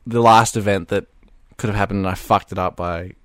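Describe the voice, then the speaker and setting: A man's voice: fairly low pitch, fairly even intonation, fairly quick, clear, resonant tone, dry recording, studio quality. A young man with an Australian accent, telling stories in a laid-back, rambling way with plenty of swearing in a casual podcast chat. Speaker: YouTuber being interviewed.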